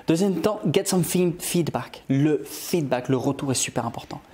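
A man's voice: fairly high pitch, moderate pace, noisy background. A man from Scotland, an online English teacher, giving an upbeat motivational video lesson and switching between French and English.

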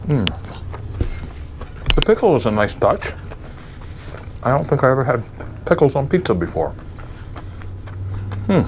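A man's voice: medium pitch, sing-song, background noise. A man reviewing food in a casual chat, chewing while he talks and humming between bites. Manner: musing, unhurried, hums between bites.

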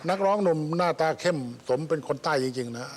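Fast-talking enthusiastic man judge. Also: a little high, animated, over a noisy crowd, heavy background noise. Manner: enthusiastic, praising. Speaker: talent show judge. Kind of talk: judge's critique on TV. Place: TV studio with audience.

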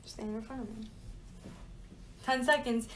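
A woman's voice: a little high, steady tone, unhurried, a bit bright, poor audio. A young woman talking in a playful, casual way for a challenge video, giggly and teasing.

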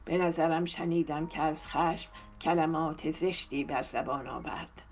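A woman's voice: low voice, a little mellow, slight background noise. A woman reading as a chattering, gossipy maid. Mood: gossiping. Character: talkative female maid, chattering and amazed. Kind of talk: audiobook character reading.

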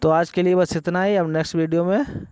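Higher-pitched man teaching biology. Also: steady tone, darkish tone, clean tone, dry recording. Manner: explains step by step, asks and answers his own questions; reads the English questions aloud slowly. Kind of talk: MCQ exam-prep lesson.

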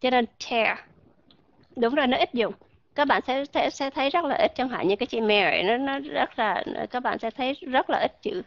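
A woman teaching English pronunciation to an online class, modeling sounds slowly and asking her learners questions. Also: high voice, no room sound, highs cut off.

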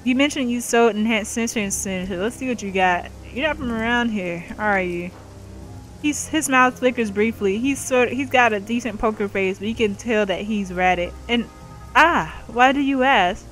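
A gaming YouTuber plays a role-playing game in a let's play, reading the narration and all the characters' lines in her own voice while tossing in playful asides. Her voice is slightly high and fairly bright, she talks at a normal speed, and faint music sits behind the rough recording.

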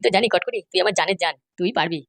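A woman's voice: lowish voice, very fast, creaky, fairly bright tone, no echo, pitched below the performer's own voice. A woman voicing a pompous older male politician in a cartoon, bossy and self-assured. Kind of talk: cartoon voice acting.

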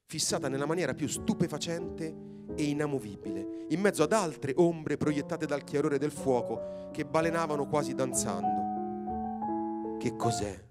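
A man gives a vivid, expressive reading of a story at a live public event in a theater. His voice sits a little high for a man, and music plays clearly underneath the whole time. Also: normal speed. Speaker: reader.

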